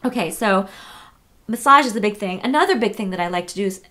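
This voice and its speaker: A woman in her thirties from the United States, chatting casually through a beauty tutorial with lots of fillers and quick self-corrections. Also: mid-range voice, animated, sharp tone. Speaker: beauty vlogger.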